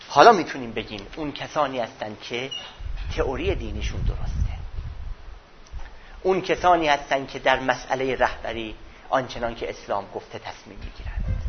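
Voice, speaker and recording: A man giving a religious history lesson, retelling events dramatically and swinging from loud passages to hushed ones, with a husky voice. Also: medium pitch, highs cut off, slight background noise. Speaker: religious teacher.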